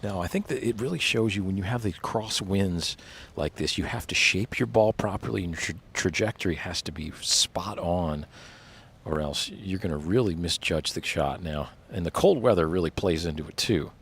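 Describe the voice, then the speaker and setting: A man's voice: low voice, moderate pace, fairly bright tone, husky. A man giving live golf commentary and analysis of the play.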